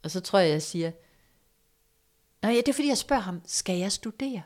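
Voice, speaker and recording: A woman calmly telling a personal story in a casual conversation, reflective and hesitant, with fillers and soft, hushed stretches. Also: mid-range voice. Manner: reflective, hesitant with fillers, drops to soft near-whisper at moments.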